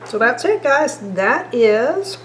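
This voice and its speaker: A woman talks slowly and warmly to her viewers as she cooks, in a chatty, homey vlog manner. Her voice sits a little high. The kitchen sounds echoey, with a faint hum of room noise behind her. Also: sing-song. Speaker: cooking vlogger. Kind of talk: casual cooking vlog. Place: home kitchen.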